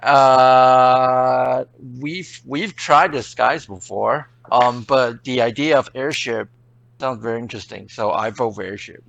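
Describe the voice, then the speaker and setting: A man playing a tabletop game, speaking hesitantly with many pauses and fillers. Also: medium pitch, creaky, fairly bright tone, lo-fi sound. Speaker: player. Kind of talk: casual game chat.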